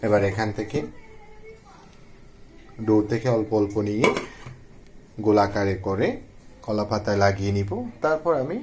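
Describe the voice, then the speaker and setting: A man's voice: fairly low pitch, normal speed, long pauses, background noise. Young man explaining a home cooking recipe. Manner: friendly step-by-step explaining. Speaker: cooking vlogger. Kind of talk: casual cooking demonstration.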